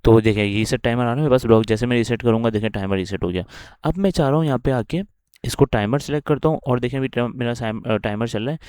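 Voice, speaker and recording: A man's voice: mid-range voice, quick pace, a little mellow, smooth, dry recording, studio quality. A man with a Pakistani accent teaching a coding lesson while recording his screen, walking through each step and often checking in with the listener.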